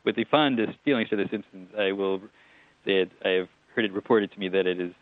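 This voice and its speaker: Interviewed over a tinny phone line, a low-voiced TV writer-producer talks fast about a show he created. His relaxed answers are chatty and digressive, with small laughs and restarts, and there's no echo.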